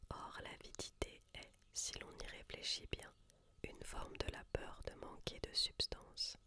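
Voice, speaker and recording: In a quiet, breathy library whisper with no voicing, a woman reads from a book, her delivery slow, measured and intentional.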